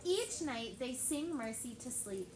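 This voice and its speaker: An elementary school teacher, a young woman, leads a read-aloud lesson, reading a story and questioning the children chattily, with "like" scattered throughout. She speaks unhurriedly in a slightly high, animated voice. Echo and background noise fill the classroom recording.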